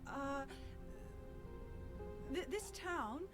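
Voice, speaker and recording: A frightened young woman from a horror game, who speaks slowly and stammers as she warns a stranger. Her voice is high and swoops widely. Loud game music plays under it. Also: expressive, full character voice. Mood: nervous, uneasy. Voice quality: hesitant, stammering.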